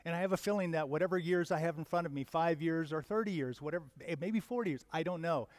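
A man in his mid-fifties delivers a sermon with a somewhat high-pitched voice. He talks like he is chatting, then swells loud to drive a point home. The sound is dry and close, with no room echo. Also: quick pace. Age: 50s. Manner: earnest, conversational preaching with sudden loud emphatic swells. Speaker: pastor.

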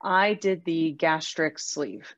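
A woman's voice: low voice, takes it slowly, dry recording. A woman in her forties from Western Pennsylvania, a guest telling her story in a chatty, self-deprecating way. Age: 40s. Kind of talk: casual interview. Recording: muffled, dull sound.

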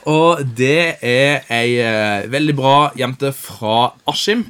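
A man's voice: mid-range voice, a bit bright, clean tone. A young man hosting a podcast in casual chat, with a jokey manner. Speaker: podcast host.

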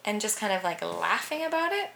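A woman's voice: mid-range voice, big pitch swings, brisk, vocal fry, a bit bright, a little hiss or hum. A woman, telling a story as a podcast co-host and saying "like" often. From Alberta, Canada. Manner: chatty storyteller, heavy use of "like". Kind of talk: casual chat. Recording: roomy echo.

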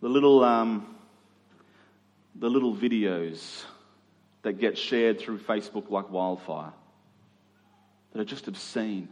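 Slow and often pausing, an Australian man from Queensland preaches in a low, darkish voice to a congregation gathered in a large room. His sermon is earnest and conversational, with repeated phrases for emphasis, and the echoey hall leaves a long reverb.

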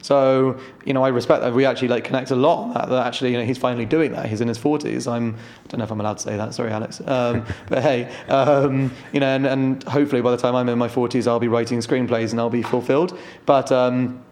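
A man's voice: medium pitch, little pitch movement, fast talker, darkish tone. Startup founder, male, 30s, frank and loose, casual swearing. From London. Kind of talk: casual interview chat.

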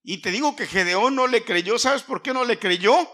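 A male pastor preaching a sermon to his congregation. He asks the listeners questions and swings from loud emphatic lines to quiet asides. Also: very high-pitched, normal speed. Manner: asks the congregation questions, sings snatches of a hymn.

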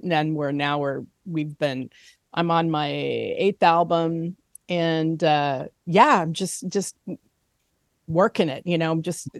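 A middle-aged woman with a lowish voice talks as a guest in a relaxed conversation. She is chatty and laughs readily, and the recording is close and dry. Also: slow, dry recording. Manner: warm, laughs easily, chatty. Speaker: guest, singer-songwriter. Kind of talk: casual interview chat.

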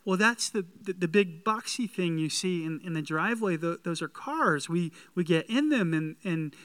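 A flustered modern homeowner, played by a man proudly explains things. The voice is high and crisp, halting and eager, in a sermon skit. It is recorded dry. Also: animated, fairly bright tone, no echo.

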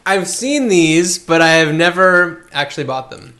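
A man's voice: on the high side, expressive, unhurried, sharp tone, slight background noise. A man hosting a podcast, tasting snacks and asking playful, jokey questions. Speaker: podcast host. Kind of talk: casual podcast chat.

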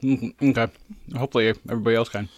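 A man's voice: mid-range voice, fairly even intonation, fast, no echo, studio quality. A man co-hosting a casual food-tasting show, chatting about the taste and sharing trivia between bites. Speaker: co-host.

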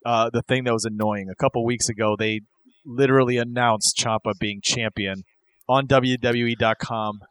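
A man's voice: mid-range voice, steady tone, moderate pace, a bit bright, no echo. A man co-hosting a podcast, chatting casually about wrestling news and rambling with fillers. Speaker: podcast co-host.

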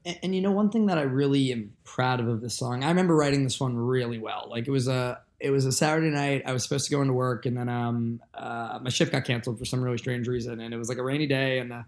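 Earnest young guest musician, gravelly fry, rambling with lots of fillers. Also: male voice, medium pitch, fast talker, few pauses. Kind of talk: candid podcast conversation.

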